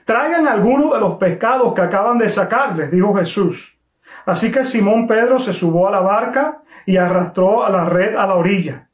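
A man preaching a sermon, telling a story with emphatic, slowly stressed phrases. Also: sits high, reverberant. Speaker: pastor.

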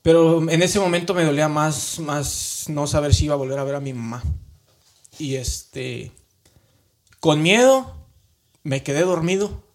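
A man's voice: on the high side, unhurried. Earnest Mexican man telling his story. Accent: Mexican Spanish. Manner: earnest, colloquial, with frequent tag questions and restarts. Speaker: guest. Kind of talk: emotional personal storytelling.

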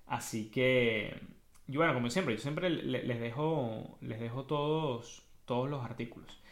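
A man with a Venezuelan accent hosting a casual explanatory monologue, telling it in a colloquial, animated way with slang. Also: medium pitch, a little slow. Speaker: host.

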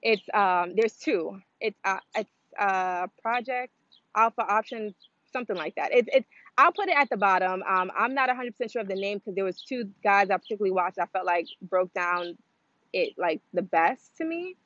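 A woman's voice: mid-range voice, expressive, normal speed, a bit bright, dry recording. A woman talking casually to the camera in a vlog, rambling with lots of fillers like "um" and "like" and acting out quoted voices. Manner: rambling, filler-heavy, chatty with frequent "um" and "like"; acts out quoted voices in a livelier tone. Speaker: vlogger sharing her trading story. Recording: slightly dull lo-fi audio.

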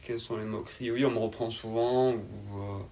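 A man in his twenties with a southern French accent, answering interview questions in a calm, laid-back and hesitant way. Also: fairly low pitch, a little fast, slight background noise. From south of France. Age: 20s. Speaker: interview guest.

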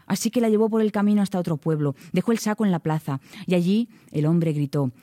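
A woman telling a folk tale to children, expressive and rhythmic, speaking directly to her listeners. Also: medium pitch, quick pace, dry recording, clean studio sound. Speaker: storyteller.

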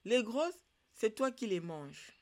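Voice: medium pitch, big pitch swings, slow pace, pitched above the performer's own voice. A storyteller doing a pleading hungry partridge. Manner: coaxing, pleading.

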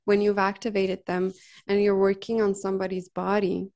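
A woman's voice: medium pitch, monotone, normal speed, a little mellow. A woman with a middle-range voice speaks casually about her healing work. Her tone is earnest and heartfelt, and her talk is loose and chatty, full of "like" and "right?". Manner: chatty, frequent "like" and "right?" tags. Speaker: massage therapist and healer. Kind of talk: casual conversational storytelling.

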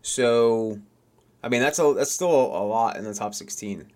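Podcast guy rambling about stuff, lots of restarts, yawny, mid-pitch. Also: moderate pace. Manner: rambling, many restarts and fillers, yawning. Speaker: podcast co-host. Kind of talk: casual chat.

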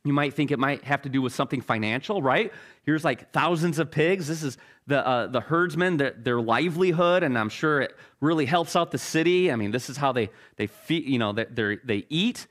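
A man's voice: mid-range voice, expressive, normal speed, a bit bright. Casual, conversational middle-aged male pastor. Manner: casual, conversational preaching with self-deprecating humor; repeats words and restarts phrases. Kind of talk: sermon.

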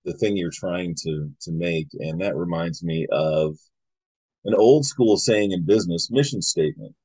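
A man hosting a podcast, telling rambling, animated anecdotes in a casual chat with many fillers. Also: sits low, moderate pace, husky, no echo, rough recording. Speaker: podcast host. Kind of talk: casual conversational storytelling.

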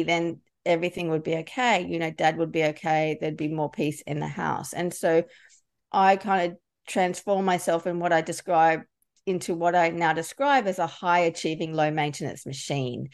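A middle-aged woman, a leadership coach, answering a podcast interview in a candid storytelling way with frequent restarts. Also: fairly low pitch.

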